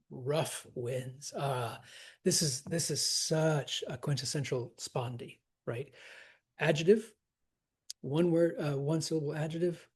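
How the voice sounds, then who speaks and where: A man teaching poetry scansion, talking slowly and thoughtfully and sounding out the rhythm of each line aloud. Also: mid-range voice, a little mellow, breathy edge. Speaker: acting teacher.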